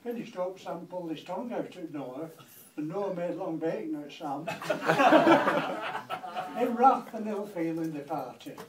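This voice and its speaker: A man's voice: sits high, lively intonation, slow. A man in his eighties with a Lancashire accent reciting a comic verse monologue in a rhythmic, dry delivery. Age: 80s. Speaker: grandfather reciting. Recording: echoey room, distant mic, faint noise.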